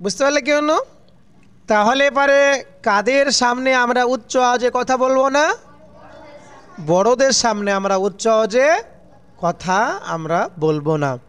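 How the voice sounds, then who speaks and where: A man's voice: very high-pitched, animated, a little slow, long pauses, a bit bright, smooth. A man teaching children a religious lesson, asking questions and answering them himself in a falling tone, call-and-response style.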